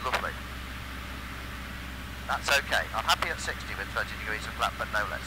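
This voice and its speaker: A British flight instructor with a fairly low voice talks a student pilot through each step briskly but calmly and encouragingly. He speaks over an aviation headset intercom inside a small light aircraft in flight, where loud, constant engine drone fills the recording.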